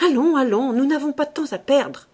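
A woman reading the part of a hurried, displeased old matriarch in an audiobook, pressing everyone to leave. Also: high-pitched, darkish tone, pitched above the performer's own voice, natural voice. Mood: impatient.

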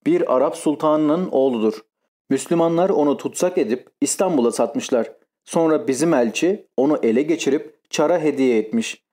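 A male audiobook reader voicing a grave, dutiful middle-aged noble father, speaking heavily and slowly. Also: on the high side, dark tone, close to an everyday voice.

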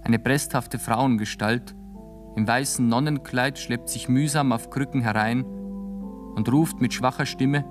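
A man reads out the stage directions of a radio play in a calm, measured voice at a middle pitch. Faint music plays softly behind him. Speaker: narrator. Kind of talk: scripted stage-direction narration.

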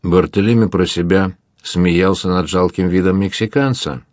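A man reading an adventure audiobook in a measured, even way. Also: low-pitched, dry recording, studio quality. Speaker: audiobook narrator. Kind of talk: audiobook narration.

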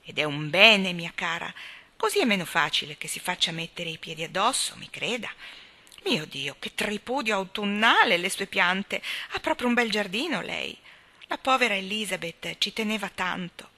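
A woman's voice: medium pitch, lively intonation, normal speed. A woman reading an audiobook, voicing a blunt, opinionated older spinster who scorns men. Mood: tart. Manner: tart, opinionated, sharp-tongued.

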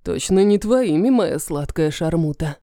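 A woman voicing a cruel, mocking ancient male dragon lord who talks slowly and menacingly. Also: lowish voice, expressive, mellow, no room sound, clean studio sound, voice pushed down. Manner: slow, sneering, menacing.

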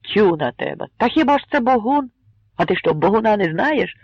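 Man voicing a shouting Cossack mob, angry and jeering, high strained yells, gravelly edge, muffled lo-fi sound. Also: sing-song, moderate pace, dry recording, heavily acted. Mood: rowdy shouting. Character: rowdy angry crowd of Cossacks, men.

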